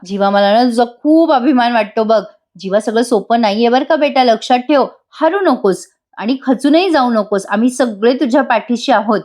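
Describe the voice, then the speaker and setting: A woman's voice: fairly high pitch, normal speed, darkish tone, natural voice. A woman voicing a caring middle-aged mother who blesses and advises her son in a voice-over retelling of a TV serial scene. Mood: tender. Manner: tender, advising.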